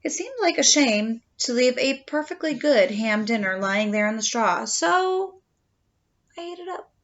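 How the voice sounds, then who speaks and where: A dull home recording carries a storybook wolf as a woman reads him aloud. The wolf is folksy and indignant, forever pleading innocence in a very animated, conversational delivery with theatrical emphasis. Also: fairly high pitch, unhurried. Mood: mock innocent. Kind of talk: read-aloud children's storybook narration in first person.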